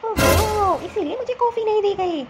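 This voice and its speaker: Woman doing a sly, shrill tattletale daughter. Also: normal speed, over loud music. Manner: gleeful, sly. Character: scheming tattletale young daughter. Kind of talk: cartoon story voice acting.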